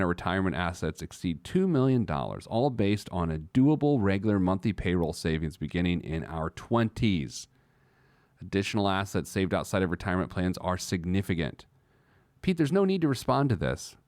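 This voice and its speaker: A man with a low, slightly mellow voice hosts a personal finance show in clean studio sound with no echo. It's a casual monologue with some letters read aloud, playfully digressive and self-mocking, with phrases repeated for emphasis.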